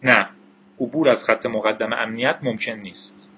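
A man voicing a calm, knowing male programmer with a measured, explanatory delivery, in an audiobook reading. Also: medium pitch, husky, lo-fi sound.

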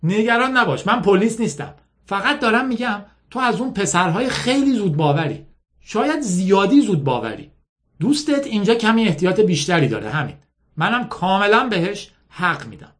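A man's voice: high-pitched, very animated, fairly bright tone, pitched above the performer's own voice. A man voicing a shrewd, paranoid young woman who runs a radio broadcast, speaking in a teasing, self-assured and commanding way in a storybook reading.

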